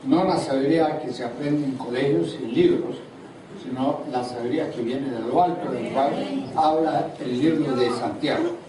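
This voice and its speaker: Recorded from a distance in a large, echoing church seminar hall with noticeable noise, an older man gives a seminar sermon. His medium-pitched voice moves at a normal pace, and he poses questions to the congregation along the way.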